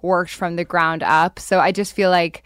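A woman's voice: lowish voice, little pitch movement, moderate pace, smooth, no echo, clean studio sound. A woman who grew up in Japan and Hong Kong, a guest in a casual chat, bubbly and agreeable, laughing easily.

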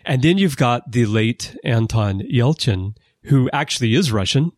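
A man hosting a casual podcast conversation, explaining background at length with lively emphasis. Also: mid-range voice, measured pace, dry recording, studio quality. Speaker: podcast host. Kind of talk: casual conversation about a TV series. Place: lives in Japan.

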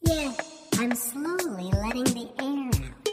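A woman's voice: high voice, lively intonation, slow, loud music behind the voice. A woman hosting a children's show, presenting in a playful sing-song way.

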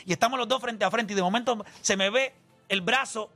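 A man with a high, bright voice hosts a sports talk chat, laying out his argument through everyday examples. He talks in a lively, persuasive way, with soft music playing behind him. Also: a little fast. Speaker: sports talk show host.

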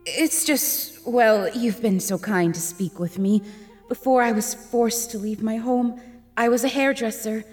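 A disguised goddess pleads and flatters in a raised, high voice, as a woman acts her out. She sounds humble and tearful in a podcast audio drama, set in a room with a long, lingering reverb. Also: a little slow, faint music behind, lightly acted. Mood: ingratiating. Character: disguised goddess Isis posing as a humble young hairdresser.

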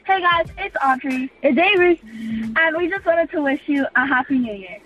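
Very high-voiced woman on a phone voicemail. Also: expressive, normal speed, faint music behind. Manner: cheerful, friendly greeting. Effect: voicemail played over a phone line. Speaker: caller leaving a voicemail.

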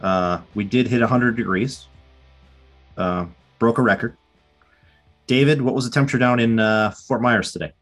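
A man's voice: medium pitch, normal speed, long pauses, fairly bright tone, soft background music. An American man hosting a casual sports fan podcast, chatting informally. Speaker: podcast host.

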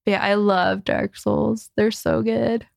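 A woman hosting a podcast in casual chat, animated and quick to laugh, acting out quotes. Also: mid-range voice, creaky, no room sound, studio quality. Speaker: podcast host.

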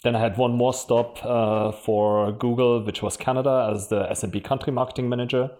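In a casual podcast interview, a German-accented marketing executive frankly recounts his career, often laughing. His voice is medium-pitched and mellow, with fairly even intonation, and he speaks a little fast.

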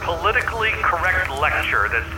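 Father on a breaking-up radio feed, high and lively pitch, echoey, music behind, pleading and preachy, radio drama. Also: fairly quick. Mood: ranting. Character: desperate father, middle-aged man, calling out over the airwaves. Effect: voice over a radio that keeps breaking up. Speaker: father heard over a radio.

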